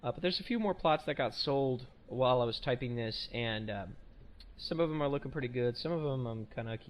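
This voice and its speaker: A man's voice: mid-range voice, brisk, a little hiss or hum. A man hosting a casual podcast, rambling and self-correcting with a joking tone. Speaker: podcast host.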